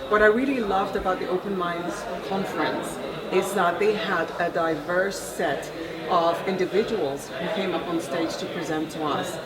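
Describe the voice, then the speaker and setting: A woman attending a conference, giving thoughtful feedback in an interview with frequent pauses. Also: fairly low pitch, steady tone. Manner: thoughtful, measured, frequent ums. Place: busy conference venue. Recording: roomy, distant, loud crowd behind.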